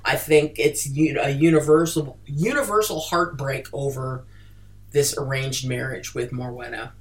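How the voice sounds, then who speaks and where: A podcast host in a casual book-club chat who speaks slowly. Many "uh"s and "um"s fill the pauses, and words often get repeated. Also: medium pitch.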